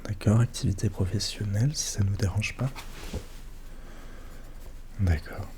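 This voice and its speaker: A man doing a soft-spoken, ASMR role-play as a psychologist, questioning gently and attentively in a hushed voice that drifts into speaks softly. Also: fairly low pitch, a little slow, a little hiss or hum. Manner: gentle, attentive questioning with short murmured acknowledgements.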